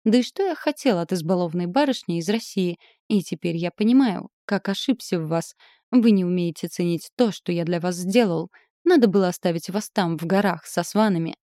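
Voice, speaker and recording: A woman's voice: on the low side, a little fast, no room sound, clean studio sound, close to an everyday voice. A woman reading the lines of an arrogant, passionate young man who boasts and threatens, in an audiobook. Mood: threatening. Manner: boastful, hoarse, forceful declarations. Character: passionate, arrogant young male suitor, turning menacing.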